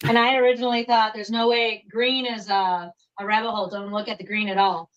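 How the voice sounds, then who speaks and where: A woman's voice: mid-range voice, level tone, brisk, a little hiss or hum. A woman heard over a video call as a guest puzzle solver, thinking aloud in long run-on explanations. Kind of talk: casual interview answers. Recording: muffled distant video call audio.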